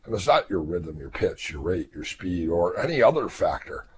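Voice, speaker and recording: A middle-aged male hypnotist and therapist speaks in a fairly low, earnest voice, measured and sincere. His voice is slightly weakened since throat surgeries. A faint hiss of background noise sits under the recording. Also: very animated. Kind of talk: reflective talk to fellow hypnotists.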